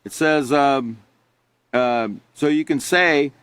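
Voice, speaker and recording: A man's voice: fairly high pitch, takes it slowly, a bit bright, smooth, no echo. Patient man teaching a class, dry sound. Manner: patient, repetitive, asks rhetorical questions and answers them. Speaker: character education teacher. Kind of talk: live online class, reading examples and explaining.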